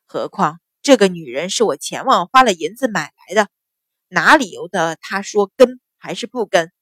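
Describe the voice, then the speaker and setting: A woman voicing an arrogant, bullying male steward who blusters and shouts. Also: medium pitch, lively intonation, moderate pace, slightly rough, no echo. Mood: blustering.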